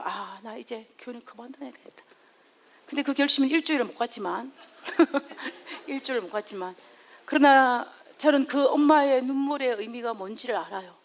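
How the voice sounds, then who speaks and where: A woman from South Korea giving a sermon and telling a personal story, often laughing as she goes. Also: a little high. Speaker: preacher.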